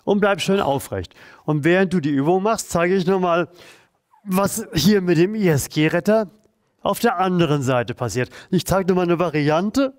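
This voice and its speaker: A man leading a guided exercise routine, calm and encouraging, talking while he does the moves himself. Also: sits high, moderate pace, no room sound. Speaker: therapy coach leading exercises.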